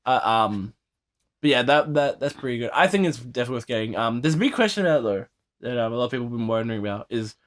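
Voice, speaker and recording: A man's voice: mid-range voice, animated, very fast. A man hosting a podcast in casual chat, rambling with many fillers and restarts. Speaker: podcast host.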